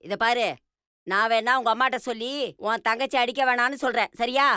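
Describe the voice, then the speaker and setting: An actress playing a scheming, quarrelsome old grandmother in a TV serial, with a shrill, mocking manner and wailing exclamations. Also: fairly even intonation, brisk, pushed and bright, smooth, no room sound, clean studio sound. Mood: scornful. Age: older. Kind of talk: TV serial acting. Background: music.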